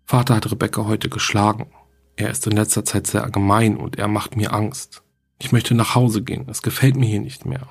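A man's voice: lowish voice, flat delivery, normal speed, vocal fry, breathy edge. A man reading the diary entries of a frightened young schoolgirl who writes to her dead mother.

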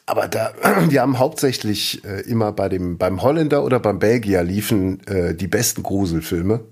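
This fiftysomething podcast co-host speaks in a lowish, expressive voice at normal speed, a little mellow and husky. In a casual chat, he spins rambling stories, fixing details as he goes.

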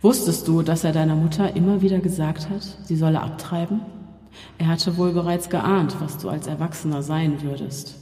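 Narrator voicing a cruel taunting voice from the dark. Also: medium pitch, fairly even intonation, normal speed, lightly acted. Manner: mocking, then coaxing and seductive. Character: sinister male voice from a dark shaft, cruel, taunting. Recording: long reverb with faint music.

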